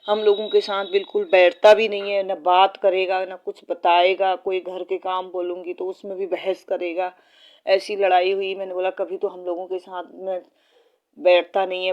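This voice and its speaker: A middle-aged woman giving a distressed, pleading personal testimony as a devotee at a satsang, repeating herself. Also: mid-range voice.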